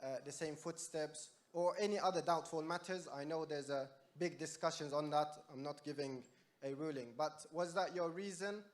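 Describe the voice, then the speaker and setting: A man's voice: fairly high pitch, fairly even intonation, moderate pace. A man in a theatre audience asking a long, earnest question in formal, religious phrasing. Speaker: audience questioner, former imam.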